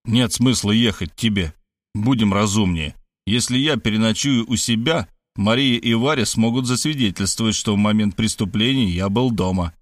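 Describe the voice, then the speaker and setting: A man's voice: fairly low pitch, dry recording, clean studio sound, lightly acted. A man voicing a brash, cynical male friend with crude, mocking talk in an audiobook. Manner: mocking, crude, fast-talking. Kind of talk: audiobook character voice.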